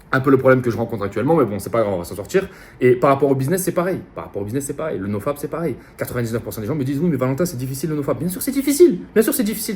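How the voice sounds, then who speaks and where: A man giving a rapid, insistent motivational monologue as an online business coach, repeating himself and swearing casually. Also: mid-range voice. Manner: fast, insistent, repetitive, slangy and profane.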